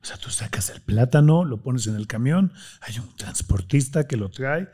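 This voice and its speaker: This interview guest, a thirtysomething man with a Mexican Spanish accent, talks with real fervor into a studio microphone on a desk stand, blue-lit curtains behind him. His medium-pitched voice is expressive, warm, and husky. He gestures freely and runs through lists at speed.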